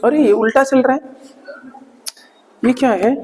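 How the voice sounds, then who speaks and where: A man teaching English vocabulary to students preparing for job exams, drilling words slowly and often checking that they follow. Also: very high voice, gravelly, a little mellow, big-room sound, rough recording. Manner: keeps asking "ठीक है ना?" between explanations.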